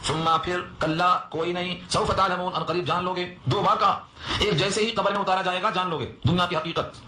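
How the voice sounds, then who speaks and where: Man teaching Quran commentary, bright and roomy. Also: steady tone, slight background noise. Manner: explanatory, rhetorical questions, swings between low and high emphasis. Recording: roomy echo with faint ambience.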